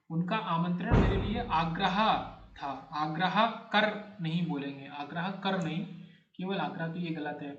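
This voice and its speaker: A man's voice: high-pitched, fairly bright tone, lo-fi sound. A man teaching an exam-prep grammar lecture, explaining step by step and repeating words as he checks each answer. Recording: echoey room.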